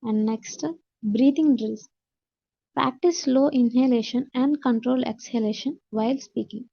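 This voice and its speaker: Slow and gravelly, with a higher pitch and fairly even intonation, this instructor's voice is captured in lo-fi sound. She has a Telugu accent and works through slides, reading points and explaining them repeatedly in Telugu and English.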